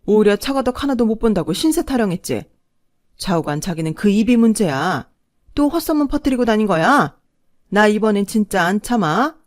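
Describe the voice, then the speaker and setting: A woman's voice: medium pitch, lively intonation, normal speed, dry recording, close to an everyday voice. Woman doing a gossipy neighbor lady, scolding, indignant, dry close recording. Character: angry gossipy middle-aged neighbor woman.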